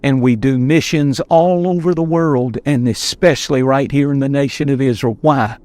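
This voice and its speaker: Man, pastor, sermon, earnest, emphatic, outdoors on a boat, mid pitch. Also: moderate pace, a little mellow. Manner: earnest, emphatic preaching with repetitions.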